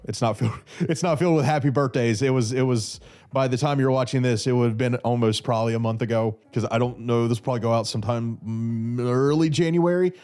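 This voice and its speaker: A podcast host in his thirties from North Carolina answers listener questions in a casual, rambling way, full of fillers and restarts, sounding a little stuffy from a cold. His mid-range voice is darkish, clear and resonant. He sits in an armchair in a small brick-walled room, talking into a red studio mic on a boom arm.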